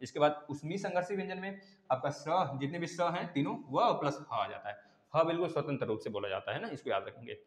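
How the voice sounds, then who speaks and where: A man with a fairly high, animated voice speaks a little fast in an echoey room with long reverb. He teaches grammar in an online exam-prep lesson, repeating sounds aloud and posing questions he then answers himself.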